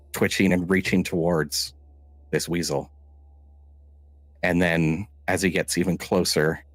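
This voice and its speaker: A man narrating a tabletop game as game master, halting and restarting as he describes scenes. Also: low voice, dry recording.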